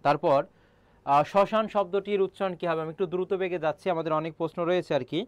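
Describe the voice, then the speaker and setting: Running an online class for admission prep, a middle-aged senior teacher with a Bangladeshi Bengali accent breaks things down step by step, keeps quizzing students and clears his throat a lot. His voice is high and his pace quick, with no echo in the recording.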